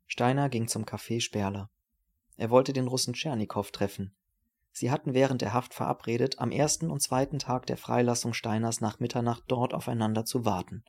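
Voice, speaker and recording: A man narrating a novel in a measured, even reading. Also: mid-range voice, slightly rough. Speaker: audiobook narrator. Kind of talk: scripted literary narration.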